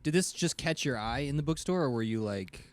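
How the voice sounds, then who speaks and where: A man co-hosting a casual book podcast, teasing his co-hosts with dry, deadpan jokes. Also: medium pitch, fairly quick. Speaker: podcast co-host.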